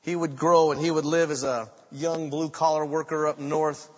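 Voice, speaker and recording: An older man delivers a sermon with dramatic storytelling, his fairly high voice rising to loud declarations and dropping to near whispers. The recording is slightly muffled. His voice rings out with a long echo through a large church sanctuary. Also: level tone, moderate pace. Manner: dramatic storytelling preacher, swinging from loud to hushed. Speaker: pastor. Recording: muffled sound with long reverb in a large room.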